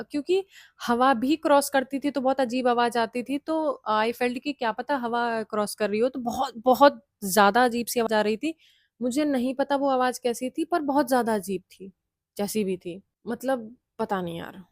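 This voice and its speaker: A woman's voice: on the high side, no echo, studio quality. A young woman casually telling a hostel ghost story, chatty, slipping in English phrases and laughing often.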